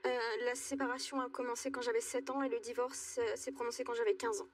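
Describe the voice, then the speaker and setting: A woman in her twenties from Alsace, speaking hesitantly with many pauses and fillers as a talk show guest. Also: fairly high pitch, steady tone, far from the mic. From Alsace, France. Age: 20s. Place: TV studio.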